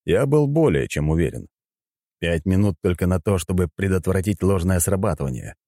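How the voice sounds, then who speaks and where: A man narrating an audiobook in the first person with animated storytelling. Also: sits low, normal speed, no room sound, clean studio sound.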